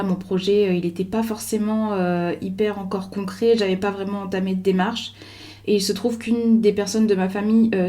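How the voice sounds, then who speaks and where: Soft-voiced young woman hosting, mellow. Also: medium pitch. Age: young adult. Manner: soft, hesitant with many fillers. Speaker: podcast host. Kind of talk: scripted intro then casual chat.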